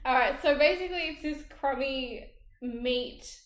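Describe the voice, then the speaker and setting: A woman's voice: high voice, a little slow, a bit bright. A young Australian woman chatting on camera as she taste-tests snacks, giggly and full of fillers. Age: young adult. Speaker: vlogger taste-testing snacks. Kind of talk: casual on-camera chat. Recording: echoey room, faint music.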